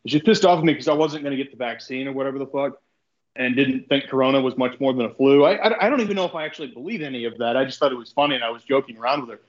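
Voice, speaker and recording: A man's voice: mid-range voice, very fast. Blunt swearing man, dull audio. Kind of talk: casual chat.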